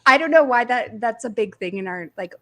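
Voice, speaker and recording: A Canadian woman with a Canadian accent, talking in a rambling casual chat full of "like" and quick laughs, as co-host. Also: on the high side, lively intonation, fairly bright tone, slight background noise. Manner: rambling, heavy use of "like", frequent laughs.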